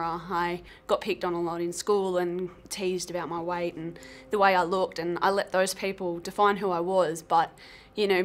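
Flat-voiced young woman. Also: lowish voice. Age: 20s. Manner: flat, subdued and candid. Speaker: interviewee, mine truck driver. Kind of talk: interview testimony.

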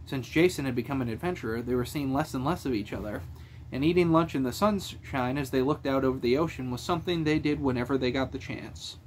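Male narrator for a fantasy audiobook, steady and even, mid-range voice. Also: medium pitch, quick pace, a little hiss or hum. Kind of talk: fan audiobook reading.

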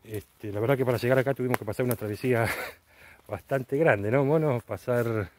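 A man's voice: medium pitch, a little fast, a little hiss or hum. A middle-aged man with an Argentine accent talks in a casual vlog style. He is recorded outdoors in woodland at night, hosting an exploration.

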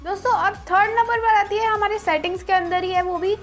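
Very high-voiced young woman tech host. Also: steady tone, brisk, faint music behind. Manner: friendly, addresses viewers as friends. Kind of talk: step-by-step phone tutorial.

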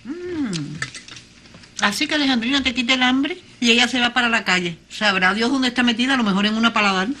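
An actress with a Cuban accent playing an insistent, suspicious family matriarch. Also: female voice, on the high side, brisk, sharp tone. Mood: indignant. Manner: insistent, accusing, gossipy. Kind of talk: telenovela acting.

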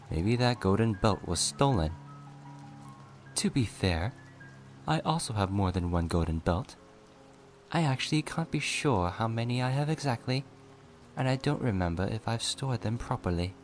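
A man's voice: medium pitch, lively intonation, a little slow, pauses often, faint music behind, voice pushed up, natural voice. A man voicing a flustered, evasive heavenly official in a storybook reading. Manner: flustered, backpedaling.

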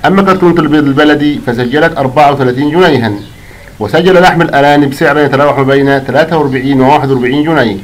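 Egyptian man, channel host, rapid read-out price report, brisk number lists. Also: a little high, rough recording. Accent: Egyptian Arabic.

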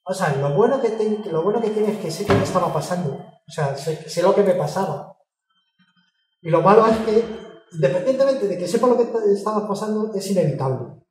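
A woman, talking in a casual interview. She speaks frankly, swears and gets animated when she tells stories. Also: mid-range voice, fairly quick, a little hiss or hum. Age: 50s. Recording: roomy, distant mic with music behind.

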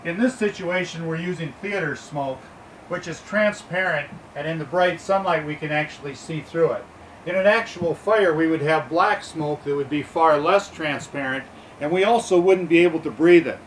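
A man's voice: a little high, normal speed, a little hiss or hum, poor audio. Man explaining bus fire drills outdoors. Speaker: school transportation trainer. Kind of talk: explanatory talk at a training demo. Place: outdoors beside a school bus.

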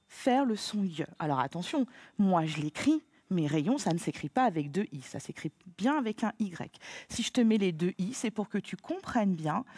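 Patient teacher woman, slow and lively. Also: medium pitch, breathy edge, dry recording. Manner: patient, encouraging, spells out sounds slowly. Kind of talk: phonics lesson for children.

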